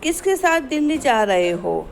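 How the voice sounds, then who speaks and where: High-voiced woman teacher explaining grammar. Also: sing-song, gravelly, a little hiss or hum, low-quality recording. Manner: explains patiently, asks the class questions, reads sentences slowly. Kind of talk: Hindi grammar lesson to schoolchildren.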